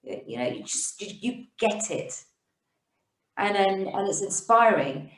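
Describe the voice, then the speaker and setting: A woman hosting an interview, talking in an effusive, encouraging way with halting restarts. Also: mid-range voice, lively intonation, slight background noise. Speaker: interview host. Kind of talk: conversational interview. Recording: roomy echo, distant from the mic.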